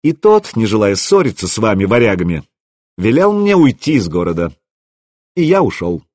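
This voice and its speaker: Audiobook: a man putting on a cool, matter-of-fact warrior, slightly raised, husky. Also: on the low side, sing-song, moderate pace, darkish tone, dry recording, studio quality. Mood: calm. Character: calm cool-headed male warrior.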